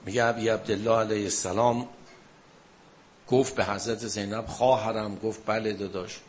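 Male preacher, lowish voice, storytelling a mourning sermon, grows more fervent. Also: steady tone, slight background noise. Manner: narrates with rising emotional intensity.

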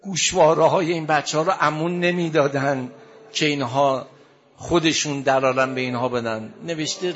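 A man's voice: fairly high pitch, a bit bright. Man preaching a mournful lament, lo-fi. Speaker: religious preacher reciting a lament. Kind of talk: mourning sermon narration. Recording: dull lo-fi recording.

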